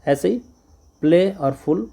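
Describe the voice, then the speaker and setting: A man's voice: high-pitched, lively intonation, takes it slowly, gravelly, warm tone. A man with an Indian accent, a Hindi-speaking teacher explaining a lesson step by step and spelling words out letter by letter.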